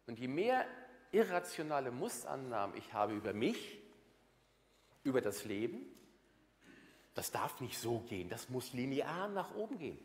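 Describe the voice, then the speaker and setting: A man giving a lively motivational seminar talk to an audience, emphatic, blunt and repetitive. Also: mid-range voice, normal speed, long pauses. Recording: long hall reverb.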